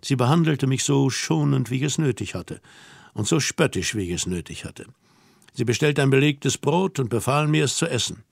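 A man narrating a literary audiobook in the first person, measured and reflective. His voice is of middling pitch and the recording is close and dry, with no room around it. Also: lively intonation, creaky, no echo.

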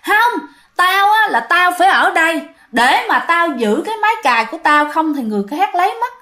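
A woman's voice: very high voice, big pitch swings, brisk, pushed and bright, voice pushed up, full character voice. A woman voicing the mocking, cackling ghost of a drunk village man, with a Southern Vietnamese accent. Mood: stubborn.

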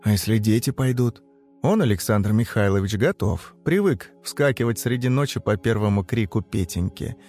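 A man giving a scripted, grim, measured narration of a dark story. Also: on the low side, lively intonation. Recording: faint music under the voice.

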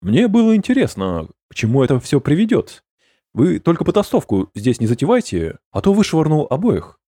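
A man voicing an old male demon innkeeper who sighs and mocks his guests in a drawn-out, amused way. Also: on the high side, wildly swooping pitch, warm tone, no echo, studio quality, pitched above the performer's own voice.

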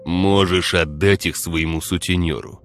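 A man voicing a calculating gang boss who speaks in a slow, measured, menacing drawl. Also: low voice, steady tone, faint music behind. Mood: cold.

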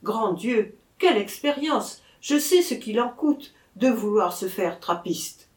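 A woman's voice: fairly high pitch, expressive, takes it slowly. A woman reader voicing a timid, lovesick young abbé who speaks humbly and mournfully, in an echoey room. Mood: sorrowful.

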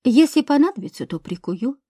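A woman's voice: on the high side, normal speed, dark tone, husky, no echo, studio quality. A woman voicing a stern, commanding, possessive young man in an audiobook. She does not shift far from her own voice for him.

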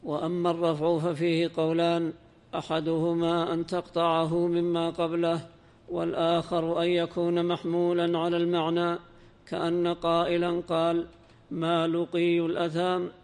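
A man reading a classical commentary aloud in a lesson, in a measured, even recitation. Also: on the high side, in a large hall. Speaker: reader of the text in a lesson.

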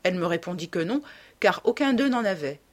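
A distracted young gentleman answering lightly and wryly, voiced by a woman narrating. The voice is close to her own, with animated pitch movement. Audiobook character reading. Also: brisk.

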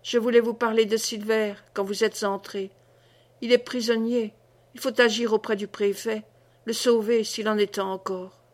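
A woman reading the lines of a grave, calm man who is a doctor, in an audiobook. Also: a little high, moderate pace, close to an everyday voice. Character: grave male country doctor.

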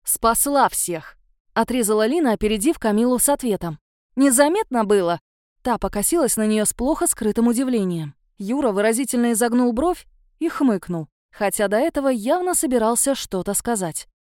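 A woman reading a first-person fantasy audiobook in a lively, expressive way. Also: fairly high pitch, fairly quick, no echo, studio quality. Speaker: audiobook narrator.

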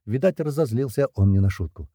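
A male audiobook narrator with a husky, very dark voice and a lively, wry, slangy delivery. His pitch swings widely as he tells the story. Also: brisk, no room sound, clean studio sound. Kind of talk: scripted first-person narration.

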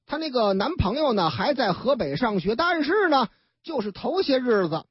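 A woman radio host, telling news stories in a chatty, lively way. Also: fairly high pitch, moderate pace, slightly rough, no echo. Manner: chatty, lively storyteller who acts out the people in her stories. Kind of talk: storytelling news commentary. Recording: dull, dry lo-fi radio broadcast.

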